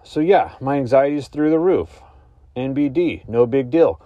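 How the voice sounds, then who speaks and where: A man hosting a comedy podcast, ranting in a deadpan, mock-earnest way with sudden high-pitched outbursts. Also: moderate pace, dry recording, highs cut off. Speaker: podcast host. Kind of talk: comedic mock-anxious rant.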